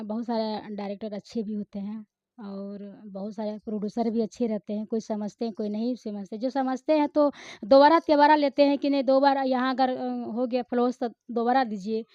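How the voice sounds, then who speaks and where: A woman's voice: fairly high pitch, fairly even intonation, normal speed, dark tone, no echo. Rambling woman actor in an interview. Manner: chatty, rambling, with many hesitations. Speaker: film actor. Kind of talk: interview answers. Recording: slightly muffled, dry recording.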